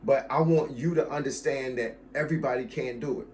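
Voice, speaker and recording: A man's voice: medium pitch, a little fast, a little mellow, slight background noise. A man in his fifties, a fitness coach, talking casually to camera and addressing viewers directly. He is emphatic and drives his points home by repeating key phrases. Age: 50s. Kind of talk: casual talk to camera about his channel.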